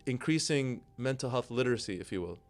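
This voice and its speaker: A middle-aged American psychiatrist, appearing as a talk show guest, explains his career in an articulate, flowing way. His mid-range voice is lively in intonation and fairly quick, with faint music behind him.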